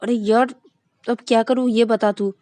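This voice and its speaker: A woman voicing a hot-tempered, scheming young man who speaks in loud exclamations. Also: on the high side, steady tone, measured pace, no echo, voice pushed up, lightly acted. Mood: angry.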